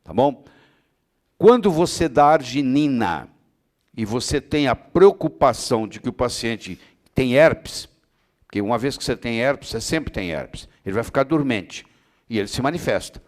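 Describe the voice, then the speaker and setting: Male medical lecturer, mid-pitched, explanatory, checks in with the class. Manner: explains with everyday analogies, checks understanding often. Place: lecture room with students.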